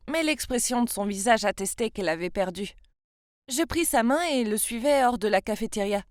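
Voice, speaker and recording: Woman in her twenties from France, brightish voice, confiding storybook narrator, dry close mic. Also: a little high, no room sound. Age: 20s. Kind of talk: scripted first-person storytelling.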